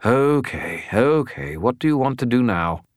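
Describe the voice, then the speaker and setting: Whiny, grumbling male skull spirit in a storybook, pitched well above a man's own low voice, complaining and put-upon. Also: lively intonation, a little slow, no echo, studio quality.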